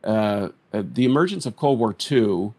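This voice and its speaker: A middle-aged man moderating a conference discussion over a video call from a home study, speaking haltingly with many fillers and restarts. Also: lowish voice, expressive, a little mellow. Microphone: video call with earphone mic.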